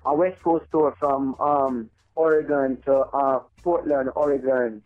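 A man's voice: medium pitch, steady tone, measured pace. A male reggae artist, calling in by phone to a radio show and talking in a loose, rambling way with many "you know what I mean"s. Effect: over the phone. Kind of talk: phone interview, casual. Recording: tinny phone line, faint music behind.

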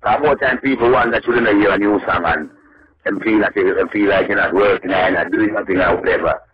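A reggae artist talks over the phone in a casual radio interview, his fairly low voice moving fairly quickly in a loose, repetitive, upbeat patter. The phone-line audio comes through muffled.

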